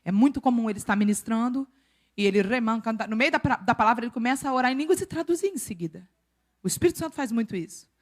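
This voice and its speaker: A woman preaching a sermon, animated and playful, acting out quoted people and accents as she teaches from scripture. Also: on the high side, fast.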